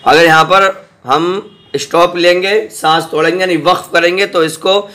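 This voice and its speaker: A man teaching Quran recitation, spelling out each word slowly and repeating it, often checking that the listener understands. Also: high-pitched, fairly even intonation, pushed and bright. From South Asia. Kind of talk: slow spelled-out recitation lesson.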